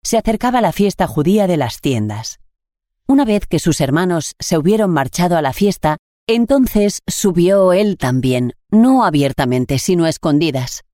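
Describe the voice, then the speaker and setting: A reader with a Spain Spanish accent, slowly and solemnly reading a Gospel passage and a reflection on it. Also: mid-range voice, sing-song, mellow, no echo, clean studio sound. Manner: measured, solemn, deliberate phrasing. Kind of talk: scripted liturgical reading.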